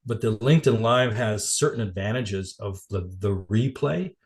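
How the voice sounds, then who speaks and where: A man with a lowish voice, still getting over a cold, gives a casual business presentation over a video call as a guest presenter at a networking meeting. He sounds a little congested and coughs, speaking at a moderate pace. He rambles, using many fillers and restarting often.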